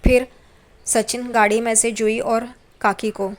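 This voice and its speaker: A woman recaps a TV serial episode in steady, plain storytelling. Her voice sits fairly high for a woman, and she reads each character's lines in the same even tone. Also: a little slow.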